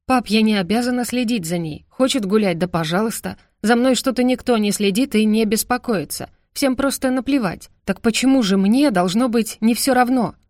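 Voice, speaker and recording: A woman reading an audiobook voices a bitter, defiant sixteen-year-old girl who shouts at her parents. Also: fairly high pitch, normal speed, hardly any pauses, no room sound, studio quality, natural voice. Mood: angry, defiant.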